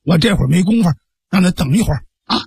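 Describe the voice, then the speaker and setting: 一位带北京口音的男说书人，用沙哑的嗓音扮演一位正直诚恳的佩剑官员，说话恳切。. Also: male voice, sits high, animated, fast talker, creaky, darkish tone, husky, dry recording, clean studio sound, heavily acted. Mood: earnest. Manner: pleading, earnest. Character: earnest upright male swordsman official. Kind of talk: traditional storytelling.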